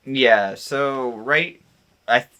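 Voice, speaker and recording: A man co-hosting a gaming podcast in casual chat, animated and laughing often. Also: medium pitch, drawn-out words, smooth. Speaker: podcast co-host.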